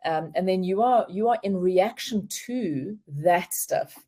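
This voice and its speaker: Calm woman explaining over a video call. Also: fairly low pitch, a little slow. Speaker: relationship expert guest. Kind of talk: remote interview, explaining.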